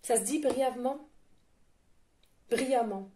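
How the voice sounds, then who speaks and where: A woman giving a casual tarot card reading in a loud, carrying voice, chatty, laughing often and filling pauses with hesitations. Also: a little high. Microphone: no microphone, picked up by the device directly.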